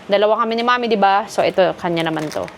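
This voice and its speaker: A woman's voice: medium pitch, fast talker, a little hiss or hum. A woman from the Philippines chatting casually through a haul vlog, switching freely between Filipino and English. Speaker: vlogger.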